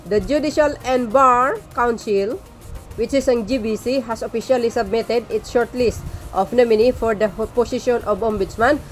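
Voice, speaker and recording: A woman's voice: a little high, slight background noise. A woman vlogging casual political commentary, chatty and teasing, reading names aloud with frequent exclamations.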